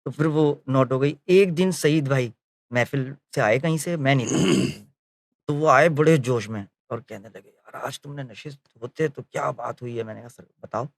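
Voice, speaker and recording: In a creaky, medium-pitched voice, a man tells the story of his memories of a spiritual leader, playing out each quoted conversation. He keeps stopping on fillers and fixing his own words, captured in clean studio sound without any room sound.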